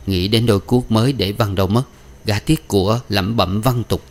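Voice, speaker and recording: A man narrating a novel as an audiobook reader, in a steady, even storytelling manner. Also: lowish voice, moderate pace.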